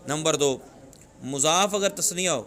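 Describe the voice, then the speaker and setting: A man's voice: on the high side, fairly bright tone. A man with a Pakistani Urdu accent teaching a classroom grammar lesson, drilling students with repeated questions. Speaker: religious teacher.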